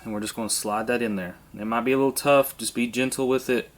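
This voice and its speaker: A man hosting a hands-on airsoft how-to, congested from a sinus infection, talking through each step in a relaxed, casual way. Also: medium pitch, fast talker. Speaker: airsoft video host.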